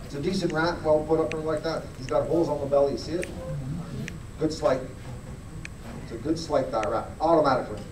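Speaking a little high and a little fast, with long pauses, a middle-aged fur grader walks an audience through a live grading demonstration in a large indoor hall. His manner is plain-spoken, and he keeps asking people to take a closer look. The sound comes from a camera far away in an echoey room with background noise.

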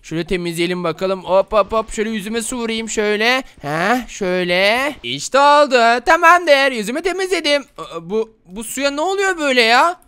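A man doing a shrill, jumpy, whiny uncle. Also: big pitch swings, sharp tone, clear, resonant tone, exaggerated voice. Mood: grumbling, puzzled. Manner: shrieking, whiny, quick to panic. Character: excitable clumsy adult man, easily scared. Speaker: game video host. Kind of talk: Minecraft role-play voice acting.

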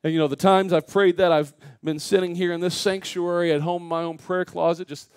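A man preaching a Sunday school sermon in a church, asking the congregation questions, dropping to a hush and then rising loud and emphatic, with the odd joke. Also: high-pitched, flat delivery, a little fast, smooth, dry recording, studio quality. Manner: swings from hushed to loud and emphatic, asks the room questions; jokes with the congregation. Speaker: pastor. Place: church sanctuary.

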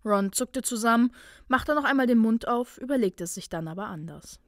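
A woman reading a fan story aloud in a calm, even storytelling manner. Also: on the high side, moderate pace, dry recording, clean studio sound. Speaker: fanfiction reader.

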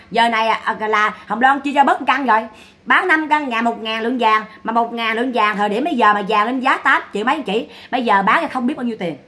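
A woman's voice: fairly high pitch, bright, forceful tone. A woman giving mocking, scolding gossip commentary. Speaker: online commentator.

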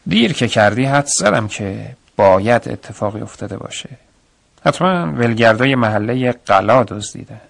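A man voicing a kind, patient village father in a radio story, speaking calmly and slowly to comfort his son. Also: mid-range voice, gravelly, no echo. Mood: gentle. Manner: calm and gentle, slow and comforting.

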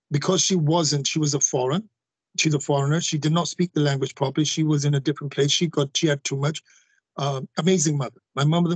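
A man in his forties, appearing as a guest on a video call, speaks emphatically, repeating phrases and talking straight to listeners. His husky voice sits a little high, and the recording is dry and low in quality.

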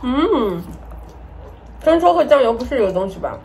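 A woman's voice: sits high, big pitch swings, moderate pace, creaky, a little mellow. Woman talking with her mouth full. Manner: playful, teasing, laughs often. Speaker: vlogger. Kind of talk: casual chat over a meal. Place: at home, eating at the table. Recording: echoey room, faint background hum.

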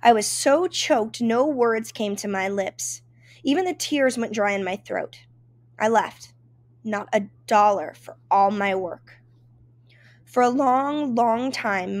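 A woman's voice: medium pitch, takes it slowly, no room sound. Woman reading a memoir aloud emotively. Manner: emotive, dramatic storytelling. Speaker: reader.

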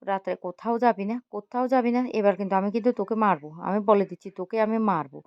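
A woman's voice: mid-range voice, racing, no room sound, muffled recording, lightly acted. Woman voicing a pleading, scolding mother. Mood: anxious, scolding. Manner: pleading, insistent repetitions. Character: worried, scolding middle-aged mother.

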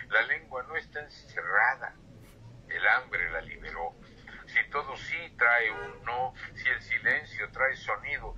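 An older male poet with a lowish voice and a sharp tone is a guest on a phone-in interview and poetry reading. He recites verse with whispered refrains, then chats about his books over a tinny phone line with faint hiss.

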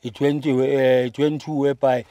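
A middle-aged man with a South African accent talking casually as an interview guest in a car, halting and full of slang. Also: mid-range voice, flat delivery, dark tone. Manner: halting, peppered with slang address terms. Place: inside a parked car. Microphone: handheld microphone.

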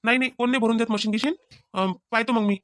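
A woman's voice: on the high side, fairly even intonation, quick pace, no echo, clean studio sound, natural voice. A woman voicing a young cartoon husband who keeps questioning and pleading. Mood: anxious. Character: young husband short of money.

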